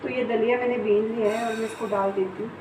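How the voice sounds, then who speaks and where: A woman's voice: fairly high pitch, fairly even intonation, fast. A young woman talking casually through a home vlog, feeling unwell while pregnant. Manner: chatty, talks softly while child sleeps. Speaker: vlogger. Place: home, kitchen and bedroom. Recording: noisy home recording.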